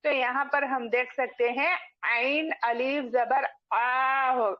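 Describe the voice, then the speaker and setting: Slow, high-voiced woman teaching recitation. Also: steady tone. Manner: drills syllables slowly, repeating each twice. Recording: dull lo-fi sound.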